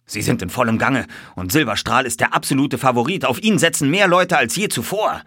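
A man voicing an agitated older colonel who owns racehorses, speaking loudly and excitably in a raised voice. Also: medium pitch, fairly quick, breathy edge, no echo, pitched above the performer's own voice. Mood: indignant. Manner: loud, excitable, indignant. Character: agitated older male horse-owning colonel.

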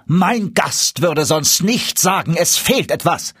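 A man voicing a proud, furious duke in a fairy-tale reading, shouting threats in a raised, strained voice. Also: mid-range voice, sing-song, extremely slow, breathy edge, no room sound, studio quality, full character voice. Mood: raging.

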